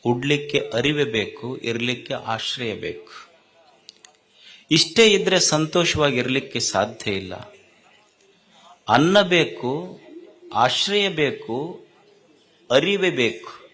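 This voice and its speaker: A man giving a sermon at a gathering, slow and repetitive, rising to emphatic calls. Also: a little high, fairly bright tone. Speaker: spiritual speaker.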